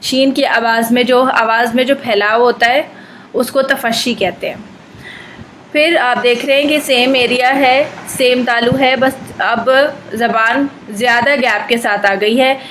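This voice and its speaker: A woman teaching a recitation lesson, explaining patiently and drawing out model syllables slowly. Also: on the high side, steady tone, fairly bright tone, a little hiss or hum, low-quality recording.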